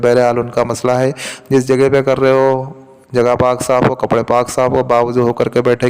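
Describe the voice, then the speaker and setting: A man gives step-by-step religious instruction, repeating his points as he goes. His voice is smooth and resonant but almost flat in pitch. A long reverb trails behind him, as in a hall. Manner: repetitive, explaining step by step. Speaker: religious teacher. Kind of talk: spiritual remedy instruction.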